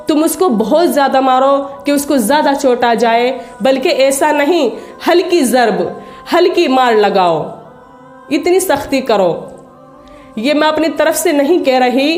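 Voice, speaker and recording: A woman with a high voice gives an earnest religious talk, going over each point more than once so it sinks in. Her voice rings in an echoey room, with faint music playing underneath. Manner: earnest, repeats points for emphasis. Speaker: religious speaker.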